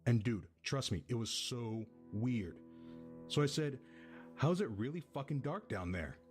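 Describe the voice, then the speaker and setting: A man's voice: medium pitch, lively intonation, a little slow, faint music behind, natural voice. A man with an American accent playing a laid-back, foul-mouthed tenant who rambles through an eerie story in casual audio-drama style. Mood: intrigued.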